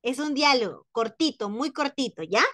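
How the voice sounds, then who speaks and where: A woman teaching a French class to Spanish-speaking students over a video call, patient, slowly repeating words and explaining pronunciation. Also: sits high, animated, pushed and bright, no room sound.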